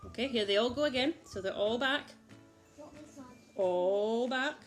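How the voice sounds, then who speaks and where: Overbright, high-pitched woman hosting kids' games. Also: a little slow, faint music behind. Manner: overbright kids party host, encouraging, exaggerated enthusiasm. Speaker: children's holiday club host. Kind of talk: children's game presenting.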